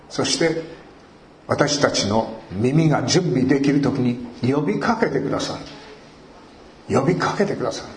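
A male pastor preaching a sermon in an earnest, measured way, repeating key phrases for emphasis. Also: medium pitch, slight background noise. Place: church worship hall. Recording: echoey church hall.

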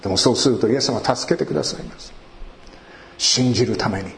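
A male pastor preaching a sermon in a conversational way, asking rhetorical questions and rising sharply in pitch for emphasis. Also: fast talker, creaky, fairly bright tone, slight background noise. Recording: echoey room.

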